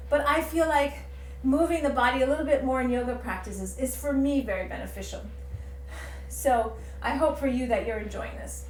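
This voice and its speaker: A woman instructor calling out yoga cues while moving along with the class, a little out of breath at times. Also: sits high. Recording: roomy echo, faint ambient noise.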